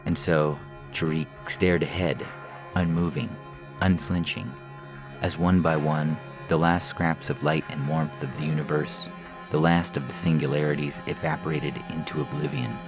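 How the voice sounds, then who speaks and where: An unhurried man with an extremely low-pitched voice narrates scripted science fiction in the manner of an audio fiction podcast, backed by instrumental music.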